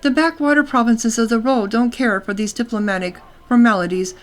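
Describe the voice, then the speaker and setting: A woman's voice: on the high side, brisk, close to an everyday voice. A woman voicing a matronly female ruler of a warrior land, speaking formally and with dignity. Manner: formal, stately speech.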